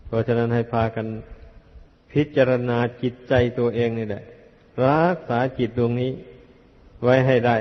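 Older monk, dull echoing archive recording. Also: male voice, medium pitch. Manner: plain, unhurried admonishing with fillers. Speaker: Buddhist monk teacher. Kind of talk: dharma talk to disciples.

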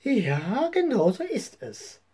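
A woman's voice: mid-range voice, wildly swooping pitch, slow pace, dark tone, slightly rough, heavily acted. A woman voicing a patient but firm mother keeping order at home.

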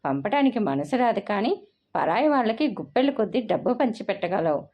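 A woman voicing a sarcastic, sharp-tongued middle-aged mother in a dull lo-fi recording. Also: medium pitch, sing-song, brisk. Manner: sarcastic, cutting.

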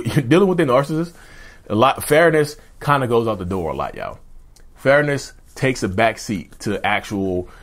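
A man in his thirties hosting a mental health channel, talking straight to camera in an emphatic, repetitive way and calling viewers y'all. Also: on the low side. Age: 30s. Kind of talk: direct-to-camera advice talk. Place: indoor studio with backdrop.

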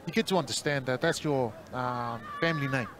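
A man, a former player, commentating live in a relaxed, hesitant way with plenty of fillers. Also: mid-range voice, brisk. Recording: crowd noise behind.

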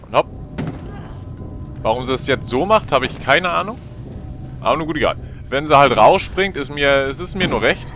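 Bright-voiced man, casual gamer. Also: mid-range voice, moderate pace, long pauses, faint music behind. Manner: colloquial, slangy, swearing, excitable. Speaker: let's player. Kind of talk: casual gameplay commentary.

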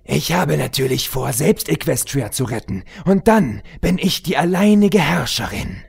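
Chrysalis, a gravelly sneering changeling queen, as a man puts her on. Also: fairly high pitch, animated, voice pushed up, heavily acted. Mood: menacing. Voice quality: gravelly, raspy. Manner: slow, sneering threats. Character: menacing insect-winged changeling queen, female, domineering. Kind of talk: audiobook reading of fan fiction.

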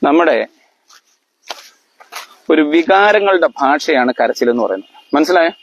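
A man with a slightly high, expressive voice lectures his family on a muffled recording with slight background noise. Halting and full of fillers and restarts, he frequently stops to quiz them and make sure they understand.

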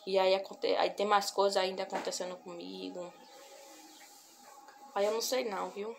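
Holding her phone camera at arm's length, a young woman sits on a couch in a small home room and chats heartfelt and casual with her viewers. She's soft-spoken, with a medium pitch, a level tone and a creaky quality, often pausing to gather her thoughts and saying things twice. The home phone recording is noisy.

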